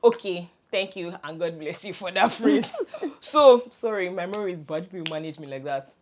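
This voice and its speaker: Slight background noise accompanies a young Nigerian woman with a lowish voice talking at a moderate pace. As co-host of a casual podcast with her best friend, she tells stories energetically, laughing often and frequently starting again.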